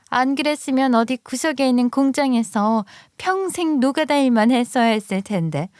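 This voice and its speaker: A woman's voice: a little high, a little mellow, dry recording, clean studio sound, voice pushed up. A woman voicing a brusque, condescending young married woman in acted story dialogue. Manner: brusque, dismissive, brags about herself.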